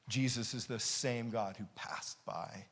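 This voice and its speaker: A man's voice: medium pitch, steady tone, unhurried, fairly bright tone. A man preaching a sermon as pastor, repeating key phrases and building intensity, sometimes laughing as he explains. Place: church sanctuary.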